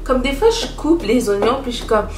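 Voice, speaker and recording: A young woman with a Quebec French accent chatting to camera in an animated way, slipping English words into her talk. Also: a little high, brisk. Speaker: vlogger. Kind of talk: casual chat to camera. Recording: echoey room with music behind.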